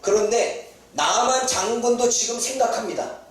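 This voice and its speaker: A man preaching a sermon in a church, acting out the figures in a lively raised voice. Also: very high-pitched, normal speed, a little hiss or hum. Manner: acts out biblical characters in lively raised voice. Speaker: pastor. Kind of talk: sermon with acted-out quotes. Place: church hall. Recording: very echoey hall from far off.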